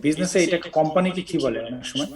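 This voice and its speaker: In a relaxed, quick-paced chat, a Bangladeshi man teaches English word stress, saying each word aloud to demonstrate. His slightly high voice sounds distant from the mic.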